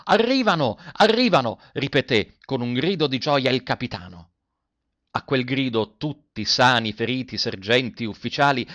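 A man reading a story aloud as a narrator, expressive and building tension in the action scenes. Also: medium pitch, no room sound. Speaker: audiobook narrator. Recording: dull, dry lo-fi recording.

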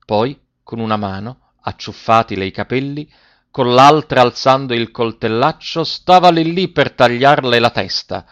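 A man reading a fairy tale aloud as narrator, with a measured, expressive delivery. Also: mid-range voice. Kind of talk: storybook reading. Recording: dry, slightly muffled recording.

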